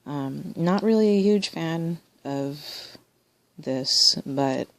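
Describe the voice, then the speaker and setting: A woman's voice: low-pitched, drawn-out words, no room sound. A woman collector casually showing her toys on video, rambling with many ums and restarts. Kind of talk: casual show-and-tell video.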